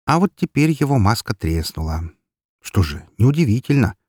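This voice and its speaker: A man narrating an audiobook in the first person, with even, wry storytelling. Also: mid-range voice, moderate pace, breathy edge, dry recording, studio quality.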